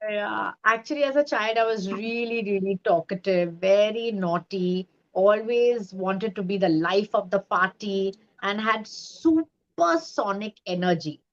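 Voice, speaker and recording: Guest, an animated storyteller, recorded on a dull lo-fi line. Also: female voice, mid-range voice, measured pace, hardly any pauses. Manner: lively storyteller who acts out voices in anecdotes. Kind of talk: casual interview chat. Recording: dull lo-fi sound.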